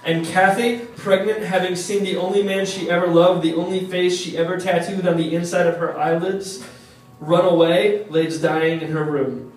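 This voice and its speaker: A man reading a comic, profane book report to a live audience at a bar, sarcastic and deadpan. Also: high voice, normal speed. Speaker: reading host. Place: bar venue. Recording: echoey room from far off.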